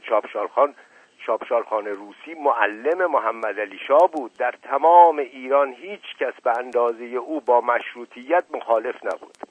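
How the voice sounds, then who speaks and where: A man's voice: mid-range voice, husky, no room sound, close to an everyday voice. A man reading the part of a proud, pompous old former officer telling boastful stories, on a dry, tinny lo-fi radio recording. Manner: boastful, indignant storytelling.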